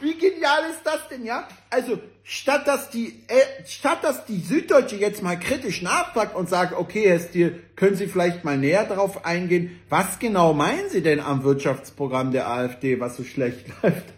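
Mocking political commentator, animated delivery, echoey room. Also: medium pitch, moderate pace, hardly any pauses. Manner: sarcastic and mocking, laughing at the text; speaks straight to the audience. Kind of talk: casual commentary reading out a newspaper article.

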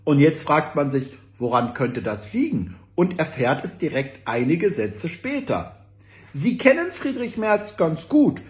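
Mocking political commentator, animated delivery, echoey room. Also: mid-range voice, measured pace. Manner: sarcastic and mocking, laughing at the text; speaks straight to the audience. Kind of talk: casual commentary reading out a newspaper article.

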